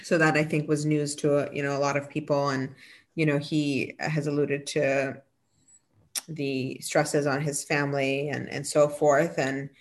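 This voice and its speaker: A woman with a low voice walks through updates in a casual civic discussion. She keeps a steady, conversational pace, filling pauses with "um" and "you know". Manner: laughs and jokes about being tired. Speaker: mayor, co-host.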